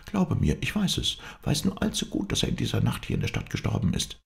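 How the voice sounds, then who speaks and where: A man reading aloud, raising his voice high to play a feverish, distraught noble lady who pleads insistently. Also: wildly swooping pitch, brisk, creaky, full character voice. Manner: pleading, agitated falsetto lift.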